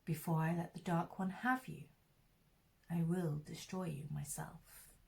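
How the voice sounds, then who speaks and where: A woman voicing a commanding sorceress who speaks calmly, levelly and with quiet menace. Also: fairly low pitch, moderate pace, close to an everyday voice. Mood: cold. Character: cold, commanding female sorceress.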